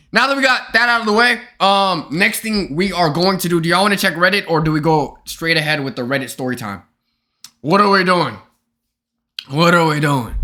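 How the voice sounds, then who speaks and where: A young man live streams into his streaming mic, chatting casually and ramblingly with viewers in a slightly high, sharp voice. His talk is slangy, and he calls his audience bro and y'all.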